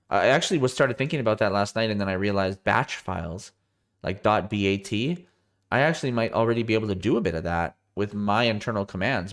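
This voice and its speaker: This is a live coding walkthrough from a stream, led by a man whose voice is somewhat low and stuffed up from a cold. Sounding worn out, he reasons aloud and keeps catching his own mistakes partway through sentences.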